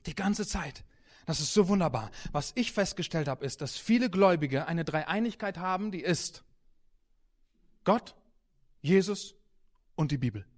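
High-voiced animated preacher. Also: male voice, unhurried, pauses often. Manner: animated, swings between soft and loud, storytelling. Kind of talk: sermon with anecdotes.

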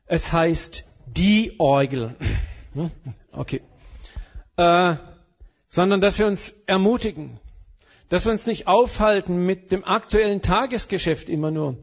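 Brief: male preacher, high voice, playful sermon delivery with English asides, slightly muffled recording. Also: slightly rough. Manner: humorous, mixes German with English phrases.

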